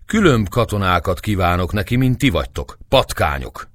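A man voicing a hot-tempered young officer who speaks loudly and with command. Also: low-pitched, big pitch swings, exaggerated voice. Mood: angry. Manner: loud, forceful, commanding.

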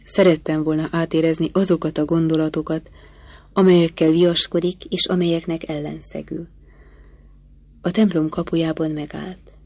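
A woman reading a novel aloud in the first person, with measured, expressive storytelling. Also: low-pitched, husky, no echo. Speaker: audiobook narrator. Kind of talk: first-person literary narration.

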